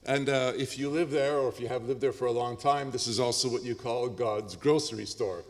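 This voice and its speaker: A man with a Canadian accent lectures at a conference, lively and joking, often pausing on uh and um. His mid-pitched voice rings with long hall reverb. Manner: lively, joking asides, frequent ums and uhs.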